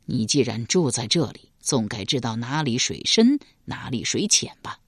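A woman voicing a grave, dignified ancient king who speaks slowly and solemnly in a storybook reading. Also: rumbling low, very animated, husky, dry recording, clean studio sound, pitched below the performer's own voice, exaggerated voice. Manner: slow, measured, solemn.

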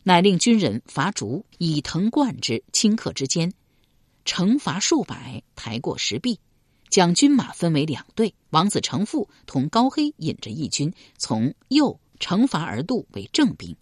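A woman narrating a historical novel with expressive, dramatic storytelling. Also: fairly low pitch, measured pace, husky, dry recording, clean studio sound. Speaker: audiobook narrator.

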